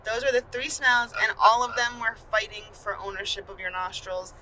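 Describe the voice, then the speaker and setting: A woman's voice: mid-range voice, level tone, moderate pace, pushed and bright, a little hiss or hum, low-quality recording. A young woman co-hosting a casual father-daughter podcast, telling a road trip story in a chatty, joking way. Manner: chatty, playful, jokey storytelling. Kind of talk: casual chat.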